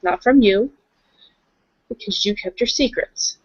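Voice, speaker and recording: A woman with a medium-pitched, unhurried voice and a breathy edge runs a tabletop roleplaying session as game master. She improvises in-character dialogue and narration in a casual, blunt way. The recording is dull and lo-fi.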